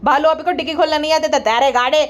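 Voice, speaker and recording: A woman's voice: sits high, little pitch movement. A woman giving sarcastic, mocking roast commentary and scolding the people she talks about. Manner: mocking, scolding, rapid-fire. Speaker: roast vlogger.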